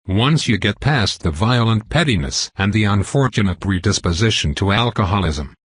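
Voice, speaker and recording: راوٍ بصوت منخفض مبحوح. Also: male voice, fairly low pitch, fairly bright tone, breathy edge, no echo. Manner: wry, profane. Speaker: audiobook narrator. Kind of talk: first-person scripted narration.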